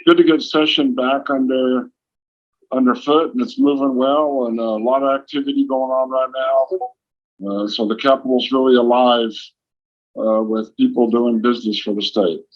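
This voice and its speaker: A middle-aged man, a state legislator, talking as a guest on a lo-fi phone call with a poor connection, halting and repeating words. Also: medium pitch, fairly even intonation. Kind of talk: casual interview over a phone call. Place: walking through a busy legislative building. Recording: muffled lo-fi phone line.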